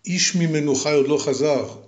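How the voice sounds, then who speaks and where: A man voicing a worried innkeeper gravely warning a guest in a storybook tale. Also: a little high, a little mellow, echoey room, dull audio, lightly acted. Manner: warns in grave tones.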